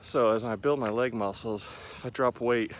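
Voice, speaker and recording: A man's voice: medium pitch, steady tone, normal speed. A man in his forties chatting casually to camera as he paces around outdoors, rambling and self-deprecating. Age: 40s. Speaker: vlogger. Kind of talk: casual running vlog chat to camera. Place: outdoors in a park by a lake. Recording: clear outdoor ambient noise.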